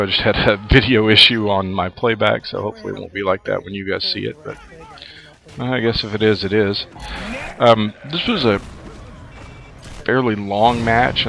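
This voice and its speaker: A man's voice: lowish voice, gravelly, fairly bright tone. Rambling male gameplay commentator. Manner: rambling and conversational, many fillers. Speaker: gaming commentator.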